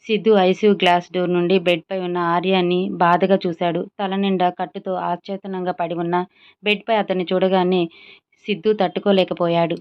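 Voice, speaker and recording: A woman narrating a serialized story aloud with a steady, expressive reading, in a slightly dull lo-fi recording. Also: on the low side, brisk, smooth.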